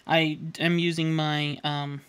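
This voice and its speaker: Painting live from his home studio, a caricature artist in his thirties rambles self-deprecatingly into a headset and chuckles often as he narrates his stream. His voice is a little high, smooth, and fairly bright.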